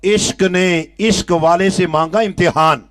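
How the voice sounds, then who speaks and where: A male preacher, telling a story in an impassioned sermon that swings from soft storytelling to shouted exhortation. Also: sits high, steady tone, dry recording. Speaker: religious preacher. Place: outdoor religious gathering with a crowd.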